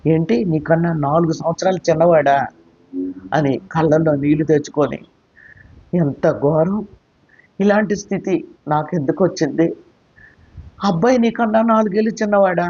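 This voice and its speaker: Worried teary mom begging her daughter, a man putting her on, husky voice, dull audio. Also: low voice, moderate pace, pauses often, warm tone. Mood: pleading. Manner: pleading, worried. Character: anxious, tearful middle-aged mother. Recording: slightly muffled lo-fi recording.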